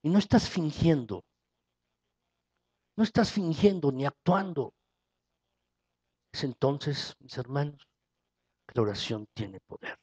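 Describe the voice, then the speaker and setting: A man's voice: a little high, animated, slow pace, long pauses, darkish tone, husky, dull audio. A man with a Mexican Spanish accent preaching a sermon as pastor, his voice rising for emphasis.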